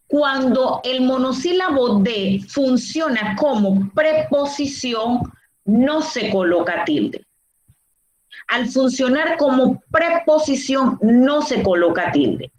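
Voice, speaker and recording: Slow-speaking woman teacher in a roomy online class. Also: high-pitched, darkish tone. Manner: slow, deliberate explaining with frequent fillers and self-corrections. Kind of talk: online Spanish grammar lesson. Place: home room, recorded for a virtual class.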